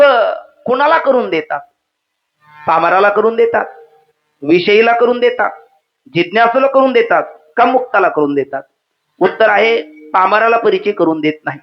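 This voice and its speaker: A man giving a devotional kirtan sermon, quizzing the audience, reciting verses and joking with them. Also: high voice. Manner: interactive, quizzes the audience and asks them to repeat words; humorous asides. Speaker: kirtan preacher. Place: hall with a live audience. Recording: dull lo-fi sound.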